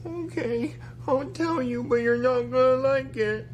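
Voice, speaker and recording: Childish, whiny boy puppet, high-pitched, simple phrasing. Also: a little slow, slight background noise. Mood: whiny, uneasy. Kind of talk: comedic puppet-show acting.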